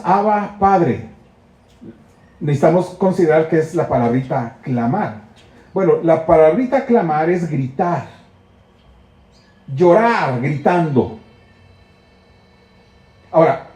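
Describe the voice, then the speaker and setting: High-voiced Mexican preacher in echoey church. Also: male voice, warm tone. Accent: Mexican Spanish. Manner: earnest, rhetorical questions, acts out prayers with rising emotion. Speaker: pastor. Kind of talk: sermon.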